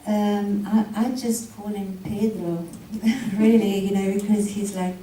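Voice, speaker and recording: Speaking into a handheld mic, a South African guest speaker gives an informal talk before a live audience, soft-spoken, laughing often and saying um a lot. Her medium-pitched voice is steady and unhurried. The low-quality recording is reverberant and distant, with slight background noise.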